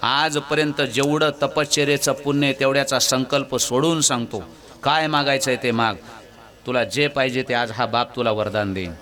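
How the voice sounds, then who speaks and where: Stern old sage father, commanding, bright forceful tone, devotional story sermon, voiced by a male preacher. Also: medium pitch, fairly even intonation, normal speed, lightly acted. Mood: remorseful. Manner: commanding, shouting orders.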